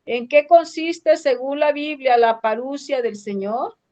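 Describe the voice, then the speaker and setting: A woman with a Mexican accent reading scripture aloud slowly and carefully in a Bible study class. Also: high-pitched, darkish tone. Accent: Mexican Spanish. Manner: slow, careful reading with pauses. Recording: dull lo-fi sound.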